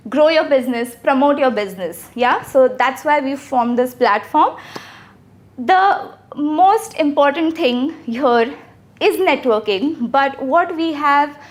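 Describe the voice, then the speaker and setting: A woman with a high voice hosts a business networking seminar. She talks to the room in a casual, persuasive way and keeps checking that the audience agrees. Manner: conversational, asks the audience for agreement. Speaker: event host.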